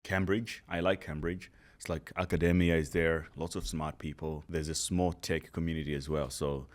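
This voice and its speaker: A man, a guest telling his story in a relaxed, casual interview chat. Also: very deep voice, normal speed. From Malawi. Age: 30s.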